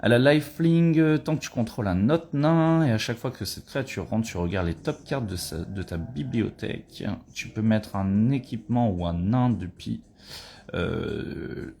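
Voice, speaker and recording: A man chatting casually during a live booster opening, excitable and swearing when he pulls a good card. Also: fairly low pitch, normal speed, vocal fry, slightly rough.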